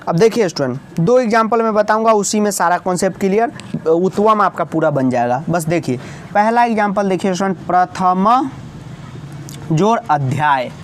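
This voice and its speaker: A high-pitched man teaching a grammar lesson, walking students through each rule slowly and calling on them again and again. He fixes his own slips aloud as he goes. A faint hum of traffic sits behind him. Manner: repetitive, addresses students often, corrects own slips. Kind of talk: explaining grammar step by step.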